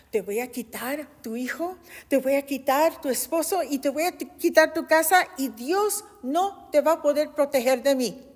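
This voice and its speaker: A woman's voice: high-pitched, a little mellow, big-room sound. A woman voicing the enemy as a menacing spirit, speaking in threats during a preached story.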